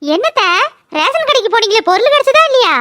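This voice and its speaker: An indignant young village wife, played by a woman in a cartoon. Her voice is very high and bright. The sound is dry and close. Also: big pitch swings, dry recording, exaggerated voice. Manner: indignant, protective, quick retorts. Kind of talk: cartoon voice acting.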